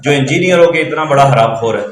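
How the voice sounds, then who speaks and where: A man's voice: fairly high pitch, recorded from a distance. Fiery, blunt male interview host. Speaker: talk show host. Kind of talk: interview, outspoken commentary. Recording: echoey room.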